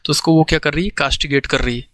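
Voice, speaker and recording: A man with a slightly raised voice teaches exam vocabulary in Hindi, checking in with the listener after nearly every phrase. He slows right down to read each English definition. The sound is dry and close, with no room echo. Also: on the high side, steady tone, bright, forceful tone. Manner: explains in Hindi with English words, frequent "ठीक है?" check-ins; slow, deliberate reading of English definitions. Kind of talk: exam-prep vocabulary lesson.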